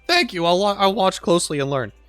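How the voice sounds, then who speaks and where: A man's voice: high-pitched, lively intonation, fast talker, fairly bright tone, dry recording, faint music behind. A man voicing a timid, clumsy male robot soccer player who makes excuses. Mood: meek. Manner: meek, apologetic, making excuses.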